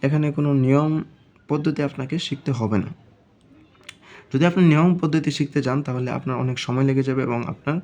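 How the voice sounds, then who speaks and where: A man giving a step-by-step reading lesson, explaining slowly and patiently and repeating each point. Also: mid-range voice, fairly even intonation, a little mellow. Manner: slow, patient explaining with frequent repetition. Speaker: Quran reading teacher.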